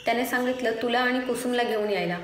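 A senior male police commissioner, measured and puzzled, read by a woman storyteller. The voice sits fairly high. It rings in an echoey room. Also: lightly acted. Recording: echoey room, faint noise.

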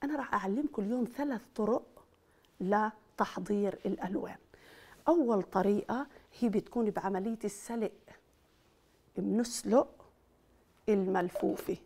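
A woman's voice: mid-range voice, normal speed, long pauses, mellow, a little hiss or hum. A middle-aged woman, talking like a kindergarten teacher as she leads a children's activity, questioning and praising her young audience. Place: indoor set with decorated backdrop.

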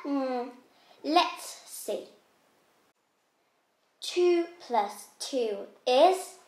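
A woman acting as a patient teacher in a playful classroom skit for children, speaking clearly with mock-strict moments. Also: sits high, animated, drawn-out words, darkish tone. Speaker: co-host playing a teacher. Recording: roomy echo.

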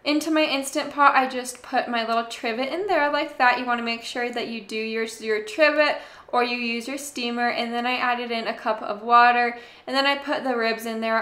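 Young woman, cooking vlog voice-over, higher pitch, crisp bright tone, roomy echo. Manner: chatty, relaxed, addresses viewers as "you guys". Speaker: cooking channel host. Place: home kitchen.

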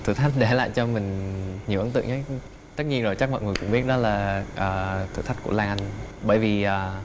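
Calm low-voiced man in a confessional. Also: a little fast, background noise. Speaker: reality show contestant. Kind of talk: confessional interview. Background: background music.

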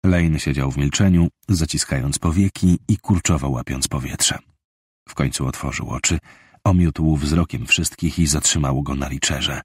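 Male audiobook narrator, deep voice, slightly husky, steady measured thriller narration, dry close studio sound. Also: no echo.

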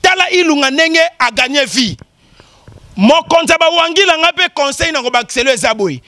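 A man hosting a show with animated commentary, teasing people, breaking into exclamations and laughs. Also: very high voice, normal speed, dry recording. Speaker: show host.

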